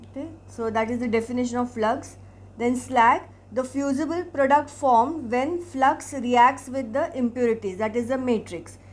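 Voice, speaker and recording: A high-pitched woman teacher lecturing on chemistry. She explains each term carefully, repeats definitions and stops for rhetorical checks like a classroom instructor.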